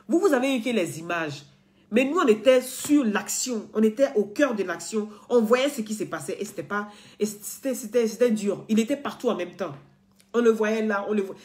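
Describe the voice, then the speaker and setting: Woman vlogging to her followers, preachy and earnest, keeps repeating herself. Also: medium pitch. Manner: earnest, lecturing, many repetitions and restarts. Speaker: blogger addressing her followers. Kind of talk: casual direct-to-camera talk.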